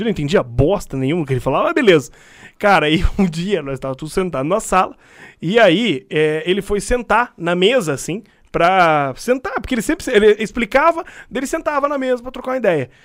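A high-pitched man, recorded dry and close. He jokes his way through the story in slangy casual chat. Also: a bit bright, dry recording.

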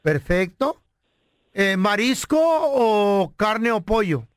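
A man's voice: sits high, big pitch swings, takes it slowly, clean tone, dry recording, clean studio sound. A man hosting a radio prank show, switching from polite salesman patter to slangy joking banter.

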